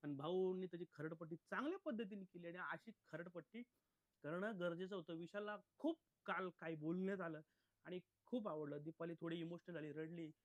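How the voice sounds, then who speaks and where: A man's voice: sits high, brisk, no echo, lo-fi sound. A man giving a casual, opinionated recap of a reality show episode, talking bluntly and calling his viewers friends.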